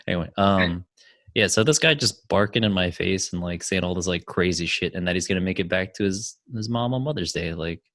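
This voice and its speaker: A man's voice: sits low, brisk, fairly bright tone, no echo. A man co-hosting a podcast, telling a story in casual chat, rambling with lots of "like" and swearing. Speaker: podcast co-host.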